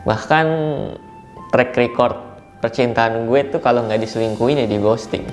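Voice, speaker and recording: A man's voice: medium pitch, normal speed, faint music behind. A man of twenty-three answers interview questions bluntly and in slang, swearing freely. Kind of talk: casual vlog interview answers.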